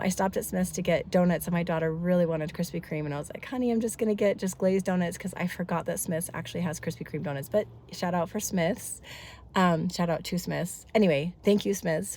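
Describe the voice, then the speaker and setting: A woman's voice: fairly low pitch, darkish tone, a little hiss or hum. A woman in her thirties chatting casually in a family vlog, congested from a head cold, talkative and rambling with lots of asides. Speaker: family vlogger.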